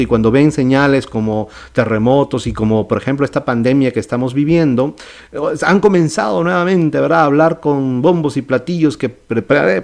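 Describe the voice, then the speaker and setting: A man's voice: mid-range voice, darkish tone. A male pastor giving a Bible study sermon, explaining step by step, often checking in with his listeners and correcting himself mid-phrase. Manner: explanatory, with frequent "¿ok?" and "¿verdad?" check-ins.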